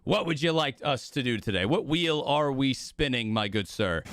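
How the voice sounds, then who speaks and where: A man hosts a watch party on his livestream, talking casually to viewers in hyped, slangy bro speak full of swearing. His animated mid-range voice moves at a moderate pace, a bit bright, and it's strained from overuse, as if he's losing it. The recording is studio quality with no echo.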